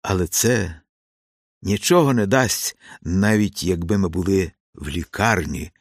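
A man's voice: sits low, a little slow, no room sound, clean studio sound. Man doing a weary old country doctor. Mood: resigned. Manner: flat, unmoved, sighing.

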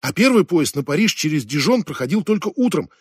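A nervous young man, voiced by a man reader, explains himself in halting, defensive bits. The tone is husky and fairly high. The recording is dry and close. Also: sing-song, no echo. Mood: explaining. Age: young adult.

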